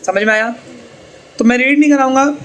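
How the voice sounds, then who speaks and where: A man's voice: very high voice, steady tone, brisk, slight background noise, rough recording. A man teaching a tuition class, chatty and teasing as he explains. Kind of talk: classroom lecture.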